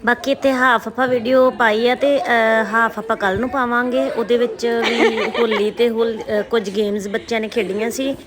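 A woman's voice: a little high, fairly even intonation, normal speed, few pauses. A woman narrating a vlog casually, talking directly to her viewers. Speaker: vlogger. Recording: very noisy amateur recording. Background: loud ambient noise.

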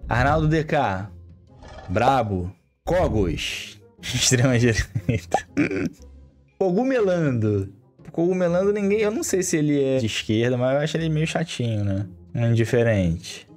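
Lively, blunt male streamer. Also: mid-range voice, a little slow, soft background music. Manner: blunt, irreverent snap verdicts with slang. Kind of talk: live stream commentary.

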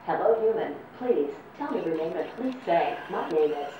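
A synthetic female text-to-speech voice of a service robot, speaking in a flat, formal, evenly paced way. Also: fairly low pitch, normal speed, recorded from a distance, highs cut off. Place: indoor robot test arena. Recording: echoey room, heard from afar, noisy.

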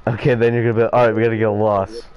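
A young man casually bantering with a friend while streaming a shooter game, teasing him and breaking into excited yelps. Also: fairly low pitch, very fast, poor audio.

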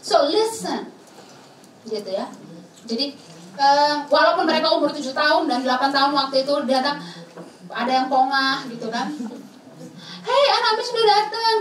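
A woman's voice: high-pitched, moderate pace, pauses often, a bit bright, far from the mic. A woman giving a talk to students, acting out dialogues with children, slipping English phrases in and laughing often. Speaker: speaker at a student camp session. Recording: roomy hall, from the mic, faint noise.

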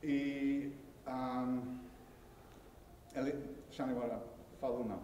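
A man lecturing on anthropology and telling a myth at an unhurried pace. He pauses often and adds little tag questions as he goes. His voice is heard from a distance in a large hall, with a long reverb and faint background noise. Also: mid-range voice, dark tone. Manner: halting storytelling with frequent tag questions and pauses.

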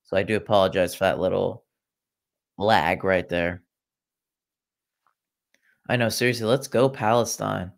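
A man's voice: low voice, a little slow, creaky, pauses often. A young man from Iran hosting a casual football watchalong livestream, chatting and reacting to viewer comments with sarcastic asides. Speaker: livestream host. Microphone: laptop.

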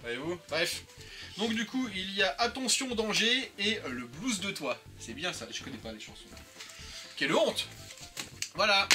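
Joking man in his thirties, casual co-host, slightly higher voice, music under the talk. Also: sing-song, normal speed. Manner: joking, laughing, swears casually. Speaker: co-host showing flea market finds. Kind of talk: casual chat.

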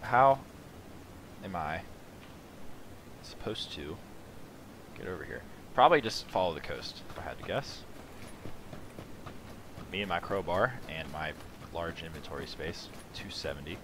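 A man's voice: low voice, animated, a little slow, pauses often, fairly bright tone, slight background noise. A man hosting a casual let's play, thinking aloud with rambling, self-mocking asides. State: sleepy, yawning at the start. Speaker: gaming channel host.

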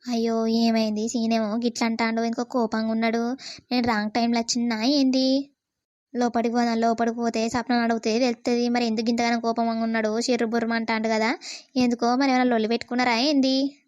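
Woman plays a concerned young cartoon friend, Telangana accent, even tone, dry dull sound. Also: fairly high pitch, fairly quick, no echo, lightly acted. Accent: Telangana Telugu. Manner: concerned, advising.

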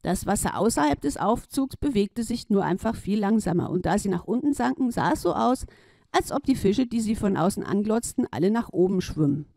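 A woman reading a children's story aloud in a playful, lively way. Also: medium pitch, a little fast, vocal fry, dry recording, clean studio sound.

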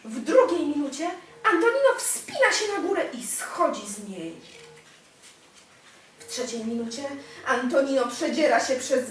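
A young woman reading a picture book aloud to a small child, coaxing him with simple questions and praising his answers. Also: high-pitched. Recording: echoey room, distant mic, faint noise.

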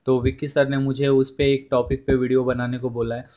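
A man with an Indian accent narrates a job information video in an informal explainer style, his medium-pitched, warm voice flat in delivery and fairly quick. He repeats himself, often calls viewers his friends, and mixes in English words.

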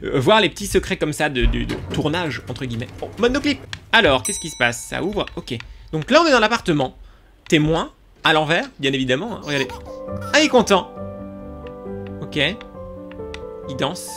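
A man giving excitable let's play commentary, talking to his viewers as he plays, with sudden yelps. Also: normal speed, long pauses, over music. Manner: excitable, talks to viewers while playing; sudden yelps and jumps in pitch. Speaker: gaming YouTuber.

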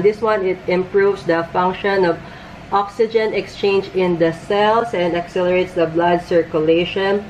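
A woman in her thirties talks casually through a product review while wearing a face mask, her voice sitting a little low. She restarts words as she goes, and English is not her first language. Faint hiss sits behind her in a room at home. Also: darkish tone, lo-fi sound. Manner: chatty, hesitant, restarts words. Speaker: beauty vlogger. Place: home room by a bright window.

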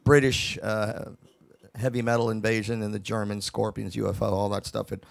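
Gravelly low-voiced older male singer. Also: normal speed. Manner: relaxed, rambling, self-deprecating. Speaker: singer of the band. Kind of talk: casual interview answers.

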